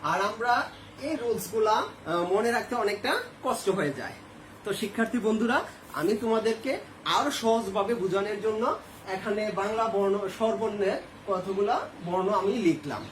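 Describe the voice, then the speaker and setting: A male Bangladeshi school teacher with a high-pitched voice and Bangladeshi Bengali accent walks students through a grammar lesson step by step at normal speed, asking and answering his own questions. The echoey room has faint ambience, plus slight hiss or hum.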